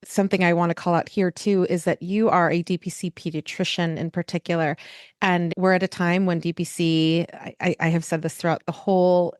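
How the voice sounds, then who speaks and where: A woman from California hosting a podcast, interviewing a guest with enthusiastic, gushing warmth. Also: on the low side, little pitch movement, a little fast, clear, resonant tone, dry recording, studio quality. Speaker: podcast host.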